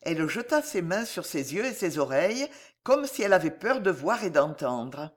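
A woman narrating a novel as an audiobook in a measured, expressive way. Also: lowish voice.

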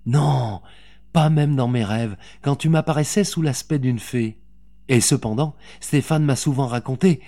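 A man's voice: medium pitch, measured pace, warm tone, pitched above the performer's own voice, lightly acted. A man reading an audiobook, voicing a frightened, loving young boy in a raised, pleading voice. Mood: tender.

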